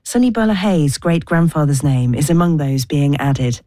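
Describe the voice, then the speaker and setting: A woman's voice: deep voice, lively intonation, moderate pace, mellow, dry recording, clean studio sound. A woman newsreader delivering a scripted world news bulletin.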